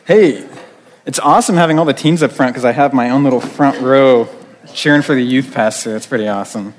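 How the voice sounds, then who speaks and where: A man's voice: medium pitch, brisk. A man preaching a sermon as a youth pastor, talking conversationally with many fillers and restarts. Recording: long reverb of a large hall.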